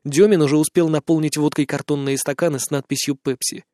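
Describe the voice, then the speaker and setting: A male audiobook narrator telling a story in the first person. His delivery is steady and measured, in a fairly high voice. The recording is dry, with little room sound. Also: dry recording.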